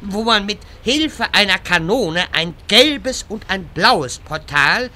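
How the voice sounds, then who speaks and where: Fantasy comedy wizard: male actor, long-winded and self-important, piercingly bright, slow delivery, faint noise. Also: high voice, expressive, heavily acted. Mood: chatty, self-important. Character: rambling pompous male wizard obsessed with portals. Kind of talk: scripted fantasy comedy dub.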